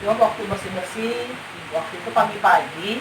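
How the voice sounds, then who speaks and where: A woman's voice: mid-range voice, brisk. A woman, telling a story casually and repeating phrases for emphasis. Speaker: guest recounting ghost sightings. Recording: roomy, distant mic with background noise.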